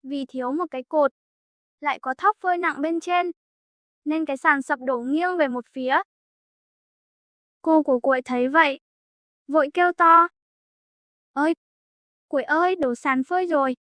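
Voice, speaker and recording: A woman narrating a folk tale as a storyteller, voicing the characters in her own steady voice. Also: high voice, normal speed, pauses often, no room sound.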